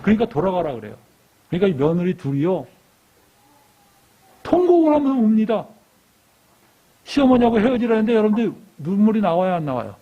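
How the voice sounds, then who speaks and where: A man preaching a sermon in a church, telling a story with lively questions to the congregation. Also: sits high, brisk, pauses often. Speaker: lay preacher. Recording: dull lo-fi church recording.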